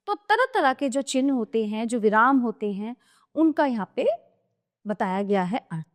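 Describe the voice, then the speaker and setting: A woman teaching a grammar lesson in a chatty way, reading examples slowly and often checking that listeners follow. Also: on the high side, animated, big-room sound. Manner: chatty, explains each point, asks "है ना?". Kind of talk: grammar lesson explained from a book.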